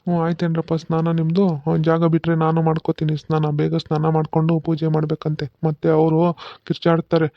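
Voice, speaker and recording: A man's voice: a little high, completely flat delivery, fast talker, no echo, dull audio, natural voice. A man voicing a fussy village father. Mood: instructive. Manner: instructive, keeps asking "okay?". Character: village father, patient and fussy about the ritual. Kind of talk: cartoon voice acting.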